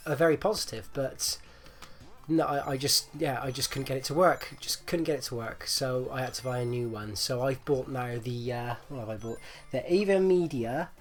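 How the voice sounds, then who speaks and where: Male gaming host, mid-pitched, chesty and phlegmy as if getting over flu, rambling casual delivery over music. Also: moderate pace. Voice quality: rattly, chesty, congested voice. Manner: hesitant, rambling, repeats himself. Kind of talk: casual gameplay commentary.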